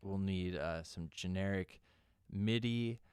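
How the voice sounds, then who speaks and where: A young man with a deep, smooth voice walks through a software synth tutorial. His talk is loose and conversational, full of small fillers. The sound is close and dry, with no room echo. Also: takes it slowly. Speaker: music producer teaching synth sound design.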